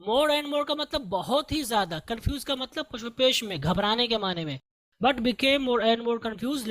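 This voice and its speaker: A man with an Indian accent teaching an English text line by line, reading each quoted sentence slowly word by word and then explaining it patiently. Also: very high voice, a bit bright, no room sound.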